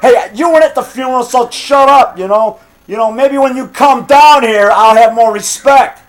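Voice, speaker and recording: This low-budget monster movie maker, a middle-aged man, speaks in a very high voice at a moderate pace through a rough recording. He's picking a fight on the phone, improvising, boasting, and refusing to back down, peppering his points with "brother" and "pal."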